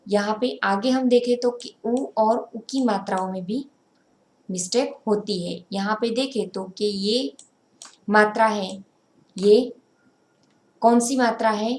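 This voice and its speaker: Slow-explaining woman teacher, roomy sound. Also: medium pitch, darkish tone. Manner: slow, explanatory, pointing things out. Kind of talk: grammar lesson. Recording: roomy echo.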